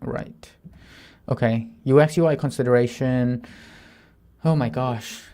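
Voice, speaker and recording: On his coding stream, a Thai man in his thirties works as a software developer, thinking out loud and reading plan text in a middle-pitched voice. He half-mumbles to himself, and nervousness makes him stumble over words and restart, with soft murmured asides.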